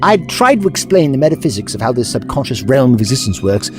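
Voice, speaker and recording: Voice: mid-range voice, sing-song, fast, over music, close to an everyday voice. A performer in an audio drama playing the Doctor, an eccentric, kindly time traveller who explains things in a wordy, scholarly way. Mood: determined.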